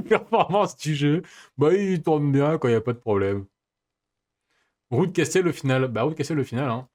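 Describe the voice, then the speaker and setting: A playful man gives joking commentary while streaming a game, laughing often. His voice is pitched a little high and swings widely as he reacts. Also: animated, a little slow, long pauses, darkish tone. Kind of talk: let's play commentary.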